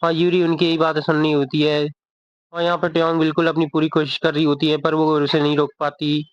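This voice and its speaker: A man's voice: on the high side, monotone, brisk, dry recording. A man narrating a manga recap in a conversational, scene-by-scene way, in a dull lo-fi recording. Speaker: manga explainer. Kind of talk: casual story recap narration. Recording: dull lo-fi dry voice.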